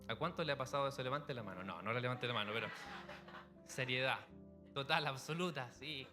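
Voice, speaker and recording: A man's voice: mid-range voice, fairly quick, over music. A man preaching a sermon to a church congregation, telling everyday stories in a conversational way. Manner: conversational preaching with illustrative anecdotes. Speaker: pastor.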